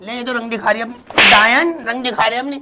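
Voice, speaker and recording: A man's voice: extremely high pitch, fairly even intonation, fast talker, heavy background noise. A man playing a wealthy, fierce old mother-in-law in a comedy sketch, scolding and pleading melodramatically. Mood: furious.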